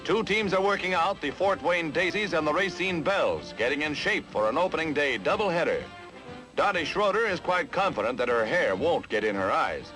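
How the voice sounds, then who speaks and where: Old newsreel narrator, man, bouncy and lively delivery, band music underneath. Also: fairly high pitch, poor audio. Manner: brisk, jaunty announcer patter. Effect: old newsreel soundtrack.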